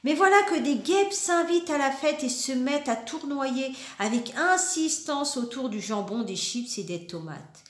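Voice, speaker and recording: A woman's voice: high voice, lively intonation, unhurried, echoey room. A woman reading children's storybooks aloud with playful character voices, laughing now and then and chatting between lines.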